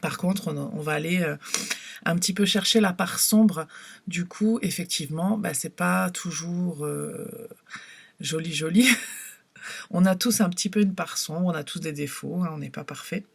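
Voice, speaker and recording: A woman's voice: on the low side, a little slow, gravelly, husky. A woman giving a casual tarot reading to camera, talking hesitantly with lots of fillers and restarts. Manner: hesitant, many fillers and restarts, soft-spoken. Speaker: tarot card reader.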